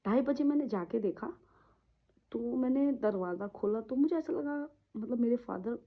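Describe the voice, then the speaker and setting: A woman telling a personal story in a halting, repetitive way, often trailing off, with a grieving tone. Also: fairly high pitch. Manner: emotional, grieving tone. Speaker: vlogger. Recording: tinny phone-like audio.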